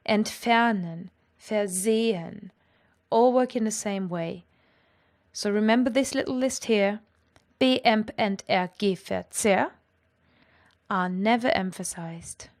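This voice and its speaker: With an unhurried, slightly mellow voice of medium pitch, a woman teaches a language class. She explains things clearly and eagerly, taking care with the pronunciation of German sample sentences.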